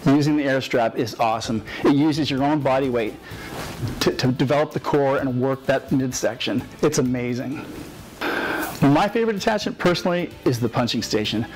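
A man's voice: mid-range voice, low-quality recording. A man giving an enthusiastic product testimonial. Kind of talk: testimonial interview.

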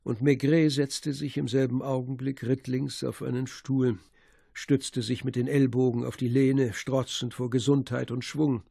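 A man narrating an audiobook with measured, even delivery. His voice has a gravelly grain and a husky edge. It sounds close and dry, with no room around it. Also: medium pitch, no room sound. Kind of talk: scripted narration.

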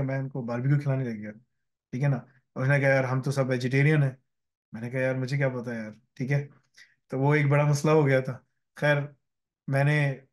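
A man answering interview questions with stories from working abroad, often slipping English phrases into his speech and checking in with "right?". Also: mid-range voice. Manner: mixes English phrases into his talk, often asks "ठीक है ना". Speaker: guest speaker on careers. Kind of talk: conversational interview answers with anecdotes.

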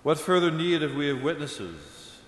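A man reading the lines of an accusing high priest in a measured, solemn way, in an echoing church. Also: sing-song. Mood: stern. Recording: echoey church reverb.

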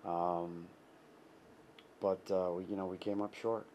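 Low-voiced middle-aged coach, halting. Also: male voice, little pitch movement, a little mellow. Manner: halting, many restarts and fillers. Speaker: head soccer coach. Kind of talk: post-game interview. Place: indoor press backdrop. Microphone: clip-on lapel mic.

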